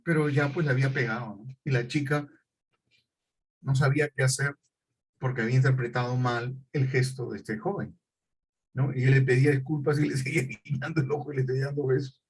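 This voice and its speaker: A man's voice: medium pitch, steady tone, brisk, husky. A male teacher leading a conversational class, telling chatty anecdotes and correcting himself as he goes. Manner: chatty storyteller, self-correcting, laughs mid-story.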